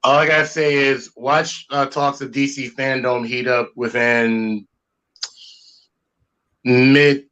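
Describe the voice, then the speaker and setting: A man from Miami as a panel guest, relaxed and slangy in casual chat. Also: mid-range voice, takes it slowly, pauses often, clean tone, low-quality recording. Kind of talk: casual live-stream chat.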